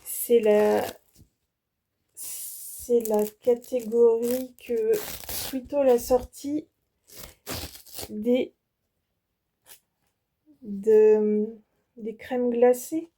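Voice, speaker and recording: A woman's voice: fairly high pitch, steady tone, drawn-out words, long pauses, dark tone. A French woman hosting her embroidery channel, showing off fabrics in a casual, hesitant way with many fillers and restarts. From France. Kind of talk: casual product show-and-tell.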